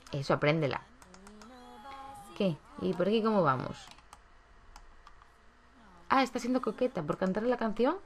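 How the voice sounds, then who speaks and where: Spanish woman from chatting over her game, lowish voice with a bit of fry, talks to the characters like they can hear her. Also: a little hiss or hum. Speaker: gaming YouTuber. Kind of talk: casual gameplay commentary.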